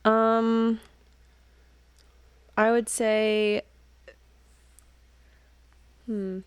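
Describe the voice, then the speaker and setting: Young female co-host, smooth clear tone, thinks aloud with "like" and "um"; dry sound. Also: on the high side, little pitch movement, extremely slow, no room sound. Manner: thoughtful, filler-heavy, joking asides. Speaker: podcast co-host. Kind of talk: casual chat.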